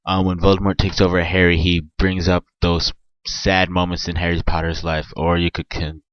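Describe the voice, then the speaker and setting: A man with a stuffy, nasal voice from a cold talks through a song in a casual, halting way, with frequent ums. His voice is very low and smooth, with little rise and fall. The recording is dry and dull, like a cheap home mic. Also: flat delivery, dry recording. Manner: hesitant, many ums and restarts. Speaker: video maker explaining song lyrics. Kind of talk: casual spoken commentary.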